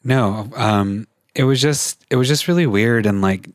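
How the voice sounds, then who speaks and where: A man from California telling stories on his podcast in an animated way, swearing as he goes. His voice sits at a middling pitch. The sound is dry but a bit distant, because his mic sits too far from him. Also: unhurried, no room sound. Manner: animated storyteller, swears freely, high-pitched when quoting others. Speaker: podcast co-host. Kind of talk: casual chat. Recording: mic set a little too far away.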